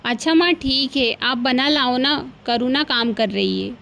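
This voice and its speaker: A woman's voice: high voice, unhurried, gravelly, fairly bright tone, heavily acted. A woman voicing a dutiful young son. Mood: casual.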